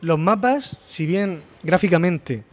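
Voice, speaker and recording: A man from Murcia, Spain, hosting a podcast and telling stories about a video game in an animated, swear-heavy casual chat. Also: high voice, slow. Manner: animated storyteller, swears freely. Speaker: podcast host.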